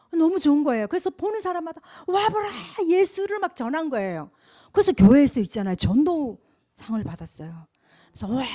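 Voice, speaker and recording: A middle-aged woman pastor, telling a testimony sermon in an animated way, loud one moment and hushed the next. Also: a little high. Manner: animated storytelling, swings from loud exclamations to hushed asides.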